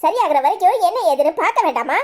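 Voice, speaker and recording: A woman voicing a defiant, sharp-tongued young wife in a cartoon, with a Tirunelveli Tamil accent and quick mocking retorts. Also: extremely high pitch, expressive. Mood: defensive.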